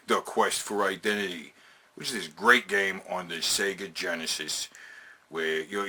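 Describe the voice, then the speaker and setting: Hosting a casual, opinionated countdown of video games and movies, a man talks in emphatic, sweary slang, repeating phrases to hammer them home. His lowish voice is pushed and bright with a breathy edge.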